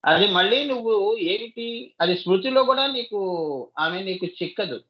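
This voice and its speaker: High-voiced spiritual teacher. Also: male voice, animated, normal speed, lo-fi sound. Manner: asks listeners rhetorical questions, addresses them as child. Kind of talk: devotional discourse.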